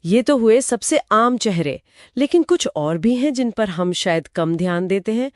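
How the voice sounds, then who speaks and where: A woman's voice: mid-range voice, lively intonation, a little slow, darkish tone, no echo, clean studio sound. A woman co-hosting an explanatory podcast who explains with examples and often chimes in with short agreements. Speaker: podcast co-host.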